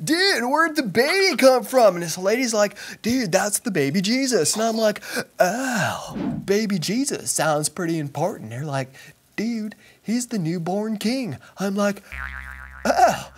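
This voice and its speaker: A man's voice: high voice, big pitch swings, a little slow, slight background noise. A man doing a dim surfer-dude stable hand. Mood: rambling. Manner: slangy, rambling, says dude and bro constantly. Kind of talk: comic monologue.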